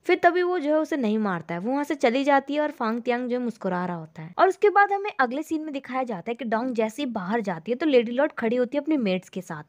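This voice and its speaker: A woman with a somewhat high voice tells the story of a drama. She moves through it scene by scene in an even, unhurried flow, like a recap narrator. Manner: steady retelling, leans on the filler "जो है".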